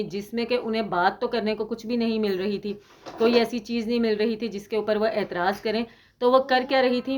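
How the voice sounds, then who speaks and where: Woman, YouTube commentator, sarcastic, indignant, mid-range pitch. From Pakistan. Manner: indignant and sarcastic, emphatic scolding. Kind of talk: opinionated commentary monologue.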